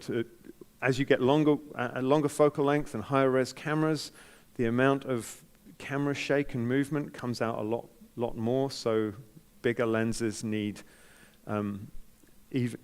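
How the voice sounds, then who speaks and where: A man with a New Zealand accent giving unscripted feedback as a competition judge, speaking in a hesitant, measured way and softening his criticism. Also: medium pitch, fairly even intonation.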